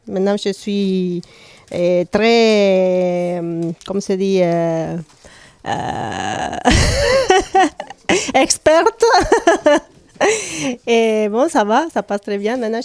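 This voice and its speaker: Woman, French, slow and hesitant, smooth clear voice, dry sound. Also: medium pitch, a little mellow, dry recording. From Argentina. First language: Spanish. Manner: hesitant, searching for French words. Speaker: carnival participant.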